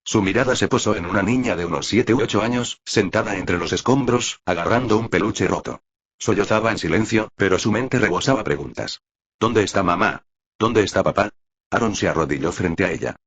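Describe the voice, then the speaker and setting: A man narrating an audiobook in an even, dramatic storytelling manner. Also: fairly low pitch, brisk, breathy edge, dull audio.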